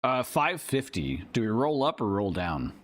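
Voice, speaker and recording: A man's voice: mid-range voice, big pitch swings, moderate pace. Laid-back swearing young male streamer. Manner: laughing, loose, swears a lot. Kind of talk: casual gaming chat. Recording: faint background noise.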